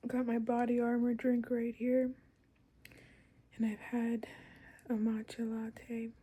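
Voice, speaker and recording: Woman with thick, swollen-tonsils voice, breathy. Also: fairly high pitch, completely flat delivery, takes it slowly, dark tone. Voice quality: thick, muffled throaty voice as if from swollen tonsils, often breathy and near-whispered. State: sore swollen throat after tonsil surgery, effortful and tired. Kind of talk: personal recovery video diary, casual talk to camera. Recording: clear background noise.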